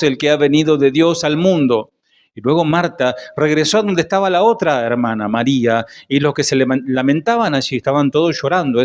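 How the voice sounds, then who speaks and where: A male pastor with a Rioplatense Spanish accent preaching a sermon, rising to loud questions to the congregation and dropping to quiet asides. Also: on the high side. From Argentina.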